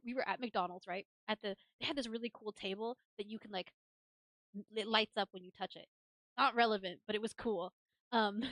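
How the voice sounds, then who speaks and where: A young woman streamer chatting casually, telling family stories in a lively, animated way and laughing often. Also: medium pitch, dry recording. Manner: laughs often while talking. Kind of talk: casual chat.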